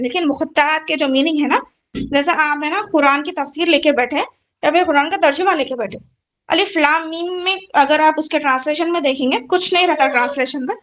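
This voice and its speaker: A woman's voice: high-pitched, fairly bright tone, dull audio. A woman tajweed teacher explaining recitation rules patiently, repeating each rule and asking her students questions. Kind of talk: online Quran recitation lesson.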